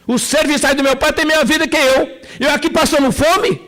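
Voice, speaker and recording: A man's voice: extremely high pitch, fairly even intonation, fairly quick, fairly bright tone, voice pushed up. A man voicing a repentant young son who humbly pleads with his father, speaking in a raised, theatrical way. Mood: pleading.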